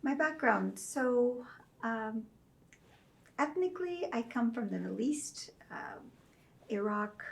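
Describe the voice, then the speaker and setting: A female religion professor from Saudi Arabia appears as an interview guest, telling reflective stories. Her creaky voice sits on the high side and sounds animated, while her delivery stays measured and thoughtful with frequent soft fillers.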